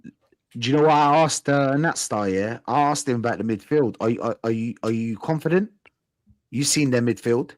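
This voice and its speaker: Hosting a football fan stream, a man speaks in a London roadman accent at medium pitch and normal speed. His casual banter is packed with street slang, and he repeats phrases for emphasis. The recording is dry and close, with little room sound around his voice.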